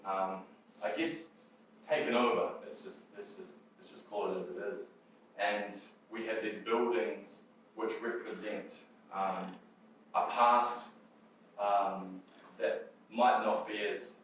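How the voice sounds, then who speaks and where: A man's voice: lowish voice, a bit bright, a little hiss or hum. A New Zealand man giving a joking, hesitant public talk at an event, with many ums. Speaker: mana whenua representative speaker. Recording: echoey hall from far off.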